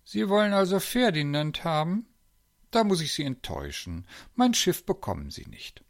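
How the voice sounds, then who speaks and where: A man doing a calm, clever uncle. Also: mid-range voice, a little slow, no room sound, studio quality, pitched above the performer's own voice. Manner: calm, polite, gently smug. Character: clever, calm older male uncle, cheerful.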